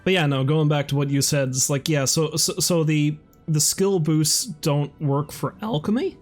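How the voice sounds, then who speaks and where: A man's voice: fairly high pitch, moderate pace, faint music behind. A man casually commenting on a video game as a streamer, amused and rambling. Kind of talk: casual let's-play commentary.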